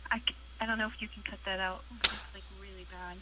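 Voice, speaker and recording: A woman's voice: medium pitch, steady tone, fast. Woman on an echoing, noisy call. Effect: echoing call audio. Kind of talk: casual conversation.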